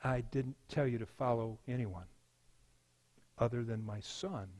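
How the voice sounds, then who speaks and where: A man voicing God as a calm, stern judge, speaking slowly and firmly in a quiet, lowered voice. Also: close to an everyday voice. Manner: slow, firm, quiet.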